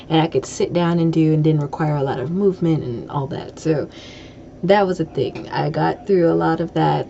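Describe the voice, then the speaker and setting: A woman's voice: on the low side, dark tone. A woman hosting a casual podcast chat, rambling and self-correcting, with a slight lisp from a broken tooth. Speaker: podcast host. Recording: dull lo-fi audio with faint noise.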